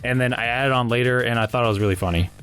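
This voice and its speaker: A man's voice: medium pitch, rapid-fire, loud music behind the voice. A man hosting his animation channel, giving casual, informal and rambling commentary on how he makes his videos. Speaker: animation channel creator and host.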